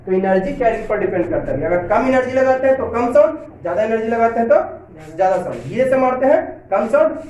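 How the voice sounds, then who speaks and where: A male science teacher giving a classroom lecture, often asking students if it is clear, reading English lines slowly and then explaining them. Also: extremely high pitch. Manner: repetitive, asks check questions often. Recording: roomy, distant, dull lo-fi sound with faint hiss.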